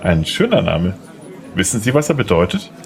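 A man gives an exaggerated performance as a polite, somewhat unsure, charming young lawyer in German audio drama dialogue. His voice sits low, gravelly yet a little mellow, very animated and at normal speed. The tone is friendly and charming.

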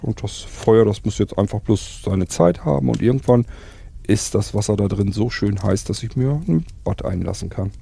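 A man with a gravelly, husky voice, rambling enthusiastically through a survival role-play chat. His tone is dark and low, and he talks casually with plenty of fillers.

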